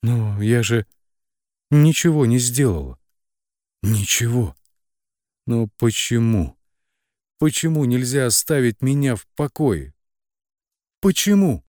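Man doing a desperate young woman, tearful, pleading, rising high, dry close sound. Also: animated, slow, pauses often, slightly rough, no echo, exaggerated voice. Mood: panicked.

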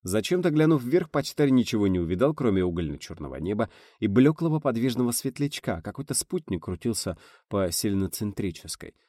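Male audiobook narrator, dramatic reading, low voice, dry close sound. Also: sing-song, a little fast, mellow, no echo.

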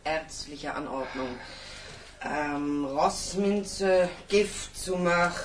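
An actress playing a businesslike hospital nurse in a radio drama, plain and unhurried, in an echoey space. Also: female voice, low-pitched. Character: brisk, matter-of-fact female hospital nurse. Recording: distant, echoey room with clear noise.

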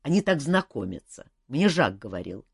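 A woman's voice: a bass voice, sing-song, moderate pace, breathy edge, no room sound, studio quality, exaggerated voice. A woman voicing a touchy, easily offended young paladin. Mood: indignant. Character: indignant young male paladin prince.

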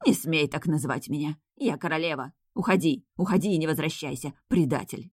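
A deposed queen, middle-aged and coming apart, spits her words in a shrill, scornful rasp, as a woman narrator voices her. Her voice jumps high and loud when she screams. The recording is close and dry. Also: fairly quick, no echo. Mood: hysterical. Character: hysterical deposed queen, middle-aged mother, cruel and unhinged. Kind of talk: audiobook character voice.

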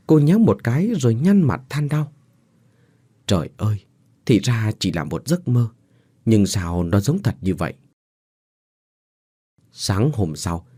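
A man narrating a horror story with an expressive delivery, voicing every character himself. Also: on the low side, slightly rough, no room sound.

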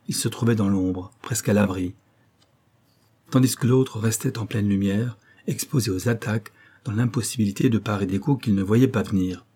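A man reads a novel aloud in steady, measured narration. His voice is low and mellow, with a dark tone. A husky grain runs under it. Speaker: audiobook narrator.

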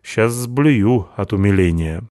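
A man voicing a gloomy, sarcastic young woman assistant in a deadpan manner. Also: fairly low pitch, slow, no echo, clean studio sound.

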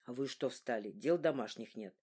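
A woman voicing a weary, injured young father who speaks low and hushed. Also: normal speed, breathy edge. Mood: tired.

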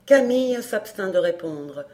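A woman reading a classic detective novel aloud for an audiobook, measured and even. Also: medium pitch. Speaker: audiobook reader.

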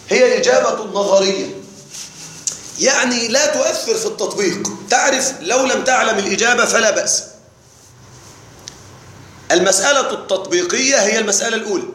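High-voiced male teacher in an echoey room. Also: fairly bright tone. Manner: checks on students often, recites word pairs slowly. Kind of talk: classroom grammar lesson. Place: classroom with students.

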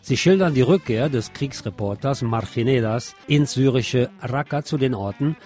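Reading from a script, a male news presenter delivers a local radio bulletin at normal speed. His voice has an average pitch for a man, and instrumental guitar music plays quietly in the background.

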